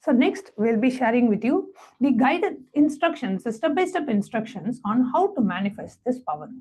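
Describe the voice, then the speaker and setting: A woman presenting a devotional satsang, reading a story aloud and then giving step-by-step guided instructions in a measured, reverent way. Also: on the high side, big pitch swings, darkish tone, breathy edge, poor audio.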